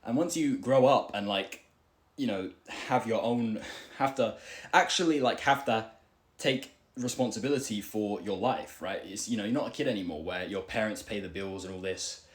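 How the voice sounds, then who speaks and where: A man's voice: lowish voice, normal speed. A young man giving casual self-improvement advice while working out, out of breath, rambling with lots of fillers and "right?" tags. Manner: rambling, filler-heavy, keeps asking "right?".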